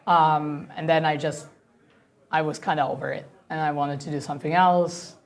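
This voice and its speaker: This Italian woman, a professional sailor appearing as an interview guest, has a low voice and an Italian accent. At a moderate pace she chats casually, laughing readily and performing little snippets of what others said.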